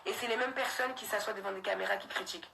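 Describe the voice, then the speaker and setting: Defiant young Frenchwoman ranting, bright voice. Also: mid-range voice, quick pace, creaky, poor audio. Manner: defiant, repetitive, slangy, with laughs breaking in. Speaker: livestreamer addressing her followers. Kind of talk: heated live-stream rant.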